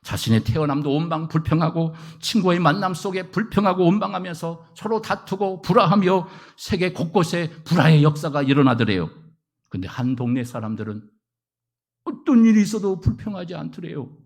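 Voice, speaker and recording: A middle-aged man preaches a sermon in a fairly high, very animated voice. He acts out prayers and quoted speech, and his delivery swings from loud declarations to hushed, intimate asides. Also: moderate pace. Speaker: pastor.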